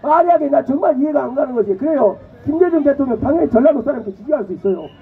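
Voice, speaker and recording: A young man from Jeolla with a Jeolla dialect gives an impassioned political rally speech, prodding the crowd with rhetorical questions and shouting at times. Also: very high voice, animated, racing, gravelly. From Jeolla, South Korea. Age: young adult. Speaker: rally speaker. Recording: tinny phone-like audio with faint noise.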